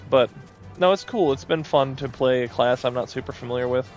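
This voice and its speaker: A man's voice: mid-range voice, a little fast, highs cut off, faint music behind. A man giving casual gameplay commentary as a streamer, rambling and self-deprecating. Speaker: video game streamer.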